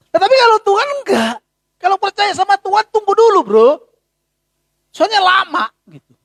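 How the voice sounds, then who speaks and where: Brief: male pastor, very high voice, lively sermon, dry close sound. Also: dry recording. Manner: animated, rhetorical questions, colloquial.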